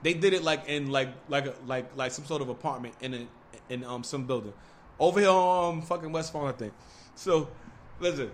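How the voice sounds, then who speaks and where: A young man with a fairly high voice spins a long story in loose, profane street slang. He rambles through fillers and restarts and gets animated as the tale builds. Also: a little fast, a little hiss or hum. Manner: animated, breaks into laughter. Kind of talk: casual chat.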